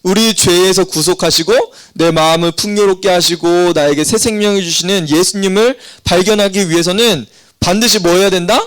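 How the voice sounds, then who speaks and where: A middle-aged male pastor preaching a lively sermon to children, asking the congregation questions and having them repeat after him. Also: high-pitched, moderate pace, hardly any pauses. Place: church hall.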